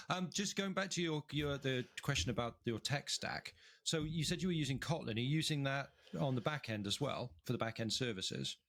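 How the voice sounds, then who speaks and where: Guy cohosting a tech podcast, normal pitch, says okay a lot, just chatting. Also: fairly bright tone. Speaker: podcast co-host. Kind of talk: casual interview questions.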